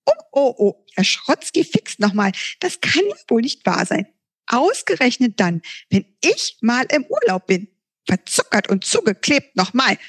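A bright, excitable little sun creature, put on by a woman reading aloud bubbles over with chatter. The voice sits high and a little breathy. It is a storybook read-aloud. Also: a little slow, full character voice. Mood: cross.

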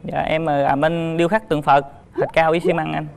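A man in his twenties from Ben Tre, a dating show contestant, speaking nervously and haltingly. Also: a little high, little pitch movement, vocal fry, smooth. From Ben Tre, Vietnam. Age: 20s. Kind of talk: casual TV conversation.

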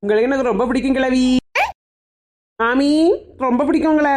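A woman's voice: sits high, a little fast, slight background noise, close to an everyday voice. A woman with a Kanyakumari Tamil accent playing a young, argumentative daughter-in-law in a comic family sketch. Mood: bickering. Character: young sulky daughter-in-law, quick to argue.

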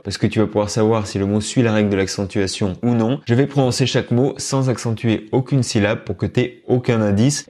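A man teaching an online Spanish lesson, explaining patiently and repeating each word slowly. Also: on the low side, a little mellow.

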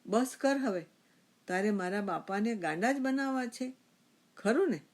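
Woman narrator playing a worried adult son: loud, exasperated calling. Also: fairly low pitch, measured pace. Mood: agitated. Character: grown son, agitated and fretful.

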